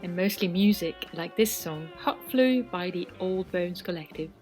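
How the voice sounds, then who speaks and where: A woman's voice: lowish voice, normal speed, loud music behind the voice. A woman co-hosting a podcast, introducing a guest with enthusiastic explanations. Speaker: podcast co-host and interviewer. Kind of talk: podcast presenting.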